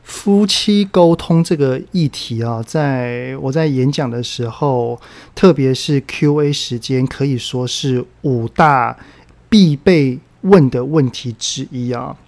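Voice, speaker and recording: A man in his forties with a Taiwanese Mandarin accent, hosting a solo podcast and telling stories in a relaxed way with drawn-out sentence-final particles, while he is still recovering from a fever. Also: mid-range voice. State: recovering from a post-vaccine fever. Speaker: podcast host, parenting educator. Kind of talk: casual solo podcast talk.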